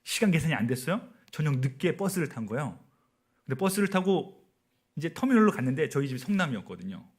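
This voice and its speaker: Husky guy in his 40s preaching, voice swings up and down a lot, keeps asking the crowd stuff. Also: on the high side, sing-song, fast talker. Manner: storytelling, often asking the audience questions. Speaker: missionary preacher. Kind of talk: sermon at a prayer meeting.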